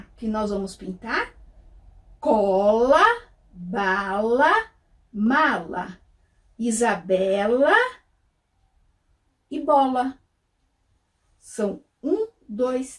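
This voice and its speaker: Sing-song kindergarten teacher, slow and lively. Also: female voice, fairly high pitch, far from the mic. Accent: Brazilian Portuguese. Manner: sing-song, stretches out words for little kids; asks questions and answers them herself. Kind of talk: slow, sing-song lesson for small children.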